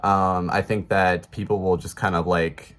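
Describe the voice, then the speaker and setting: A man's voice: low voice, little pitch movement, measured pace, fairly bright tone. A man in his thirties with a Chicago accent, talking casually to camera in a rambling way, full of fillers and restarts. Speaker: vlogger.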